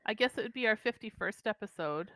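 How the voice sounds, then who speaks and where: A woman co-hosting a podcast, chatty and bubbly, quick to laugh at herself. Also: mid-range voice, expressive, pushed and bright, dry recording. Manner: chatty, bubbly, self-deprecating. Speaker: podcast co-host. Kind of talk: casual chat.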